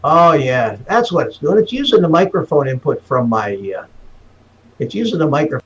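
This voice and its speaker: A livestream host chats casually, rambling and fumbling with his gear, while a webcam mic across the room makes him sound hollow and boomy, as if inside a barrel. His pitch swings widely at a moderate pace, and the recording is muffled.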